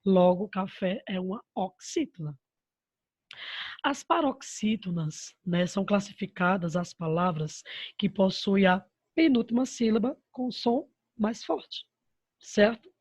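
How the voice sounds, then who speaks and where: A woman's voice: mid-range voice, expressive, slow pace, a little mellow, slightly rough, no echo. A woman teaching a primary school grammar lesson over slides with a Brazilian Portuguese accent, patient and affectionate, answering her own rhetorical questions. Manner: patient, addresses pupils with diminutives and "my love".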